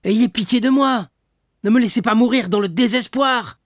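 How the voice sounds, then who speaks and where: A man voicing a young sailor locked in prison, crying out and pleading in a raised, raspy voice. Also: mid-range voice, fairly even intonation, a little fast, a little mellow, dry recording, studio quality, close to an everyday voice. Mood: desperate pleading. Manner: crying out, pleading, eager answers.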